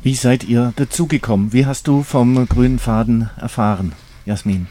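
A man's voice: mid-range voice, moderate pace, mellow. A man co-hosting a studio interview, asking friendly and encouraging questions. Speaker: co-host interviewer. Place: radio studio.

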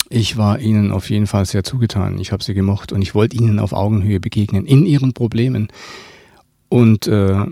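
Gravelly low-voiced man reading aloud. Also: warm tone, no room sound, studio quality. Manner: thoughtful, with frequent restarts and throat clearing. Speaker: author reading from his book. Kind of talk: interview talk and book reading.

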